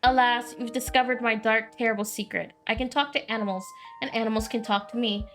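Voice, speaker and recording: A woman's voice: on the high side, fairly even intonation, a little fast, a bit bright. A woman hosting a let's play, reading a visual novel aloud with sassy, laughing asides.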